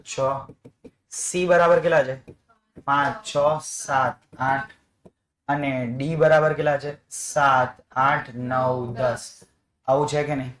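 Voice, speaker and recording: A man's voice: medium pitch, roomy sound. A man teaching math to a class, coaxing students with repeated questions. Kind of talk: classroom lesson.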